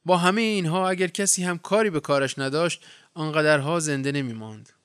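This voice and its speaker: A man reading a story aloud in a measured, even way. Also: on the high side, clean tone, no room sound, clean studio sound. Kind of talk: audiobook narration.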